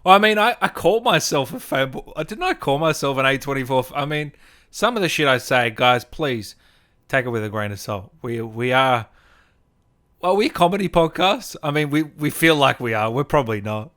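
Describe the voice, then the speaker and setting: A man's voice: mid-range voice, lively intonation, moderate pace, pushed and bright. A man co-hosting a casual film podcast, reacting to ratings with exaggerated, mock-outraged disbelief. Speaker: podcast co-host. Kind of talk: casual comedic banter. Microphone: podcast mic, remote recording.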